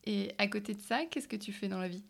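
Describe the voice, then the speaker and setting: A woman asking podcast interview questions in a clear, direct way. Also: mid-range voice, fast.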